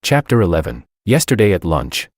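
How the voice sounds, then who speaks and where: A man narrating a first-person story in a calm, matter-of-fact way. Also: low voice, brisk, no echo, studio quality.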